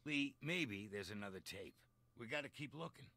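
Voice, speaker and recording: A man's voice: medium pitch, lively intonation, normal speed, bright, forceful tone. An actor playing a grim, worried older male survivor in a naturalistic video game drama.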